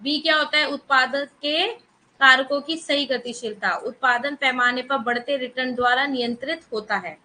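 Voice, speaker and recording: A woman's voice: sits high, moderate pace, sharp tone, a little hiss or hum, rough recording. A woman teaching an online economics class, mixing in English terms and firmly scolding students in the chat. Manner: mixes Hindi with English terms.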